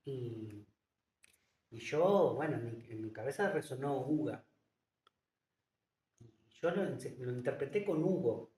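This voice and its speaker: A man's voice: mid-range voice, lively intonation, slow pace, pauses often, warm tone. A man, a guest in a casual interview, who talks hesitantly with many fillers and restarts. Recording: echoey room, distant mic.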